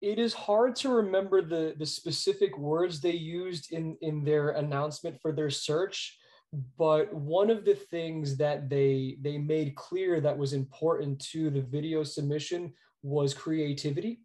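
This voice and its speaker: In a slightly high, a little mellow voice and at a slightly slow pace, an American guest tells stories in conversational interview style. A sports arena announcer, he is earnest and emphatic and often repeats words.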